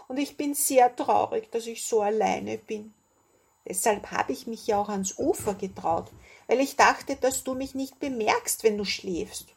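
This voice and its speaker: A woman's voice: high voice, darkish tone, breathy edge, voice pushed up, heavily acted. A woman voicing a shy, lonely little dragon who talks timidly in a story read aloud. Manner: timid, whispery.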